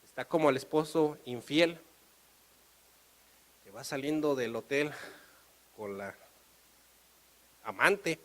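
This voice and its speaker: A man with a Mexican accent preaching a sermon, animated and storytelling. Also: mid-range voice, slow pace, pauses often, slight background noise, low-quality recording. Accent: Mexican Spanish. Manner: animated, storytelling, acts out dialogue.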